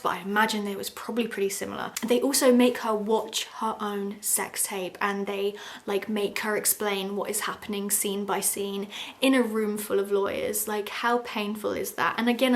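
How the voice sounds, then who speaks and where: A woman's voice: mid-range voice, fairly even intonation, normal speed. A young woman giving a chatty, casual commentary, full of fillers as she retells scenes. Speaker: video essayist reviewing a TV series.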